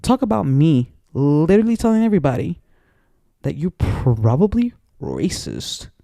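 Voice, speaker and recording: A man rants angrily to camera with a gravelly voice that swings widely in pitch. His tone is dark and mellow, and he rambles and repeats himself as he gets worked up. The room sounds dry and close. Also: huge pitch swings, normal speed, no echo. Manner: angry, profane, rambling and repetitive. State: emotionally worked up. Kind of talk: personal rant to camera.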